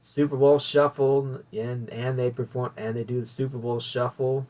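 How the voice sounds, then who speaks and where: A man's voice: medium pitch, level tone, moderate pace, dark tone. A man hosting a casual solo podcast, rambling and correcting himself as he talks. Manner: rambling, self-correcting, chatty. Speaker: podcast host.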